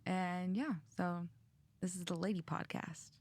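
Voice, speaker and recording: A woman's voice: fairly low pitch, fairly even intonation, a little slow, a little mellow. A woman in her twenties hosting a podcast, chatting casually and giggling, with lots of "like" and "um". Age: 20s. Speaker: podcast host. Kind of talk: casual chat.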